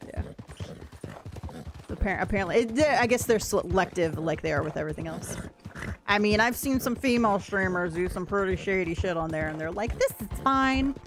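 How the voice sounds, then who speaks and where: A woman's voice: on the low side, fairly quick. A woman chatting casually and informally as she livestreams a game, raising her voice a little to be heard, with some casual swearing. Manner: raises voice to talk over rain. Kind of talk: casual livestream chat while gaming. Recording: steady background noise, game rain ambience. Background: game audio with rain.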